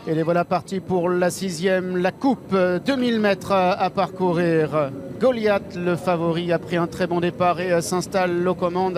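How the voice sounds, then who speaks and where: A man's voice: high voice, noisy background. A man calling a horse race live as a race caller, running through the positions as they change.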